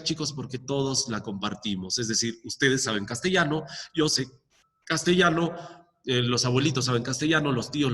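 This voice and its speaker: A man's voice: mid-range voice, fairly bright tone. A male teacher explaining a language lesson to students step by step, checking in often with short questions and giving examples. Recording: long echoing reverb.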